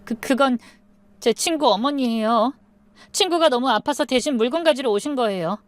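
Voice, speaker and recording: A woman's voice: lively intonation, moderate pace, no room sound, natural voice. A woman voicing a young daughter-in-law who pleads and sobs defensively. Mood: pleading. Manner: pleading, rising to shrill sobbing.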